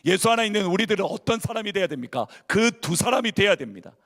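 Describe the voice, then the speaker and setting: A man with a notably high voice delivers a church sermon. He throws questions to the congregation and slips into acted-out inner monologues of worried churchgoers. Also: very animated, fast talker, gravelly, a bit bright. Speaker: pastor. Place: church sanctuary.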